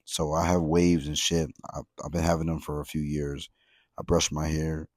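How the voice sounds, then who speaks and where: A man's voice: a bass voice, darkish tone, no echo, clean studio sound. A man giving casual workout commentary as a voice-over, in a laid-back, slangy gym-bro manner. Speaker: fitness vlogger.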